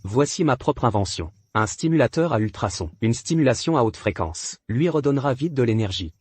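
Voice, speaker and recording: An actor dubbing a boastful, self-assured fake fish doctor in a drama, over background music. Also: male voice, mid-range voice, expressive, fairly quick, darkish tone, slightly rough, no room sound. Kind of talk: French dub of a drama.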